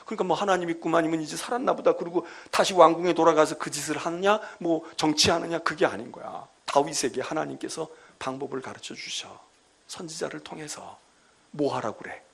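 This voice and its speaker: A middle-aged male pastor giving a midweek Bible lecture, telling the story in a lively way and acting out the quoted prayers. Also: fairly high pitch, a little fast, vocal fry, slightly rough. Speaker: senior pastor.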